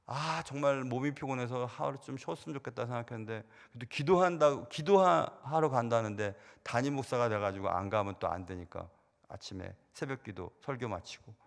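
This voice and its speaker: A middle-aged man, a senior pastor, preaching a sermon and telling stories, his voice rising loud and then dropping quiet, with repeated words. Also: medium pitch, gravelly. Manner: storytelling, swings from loud to hushed, repeats words. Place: church sanctuary. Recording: church sanctuary reverb.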